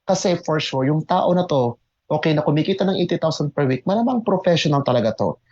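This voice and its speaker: A man who mentors in network marketing tells his own story to an online audience, excitable and emphatic, often repeating words and switching between Tagalog and English. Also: fairly high pitch, a little fast, lo-fi sound. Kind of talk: motivational testimony to an online audience.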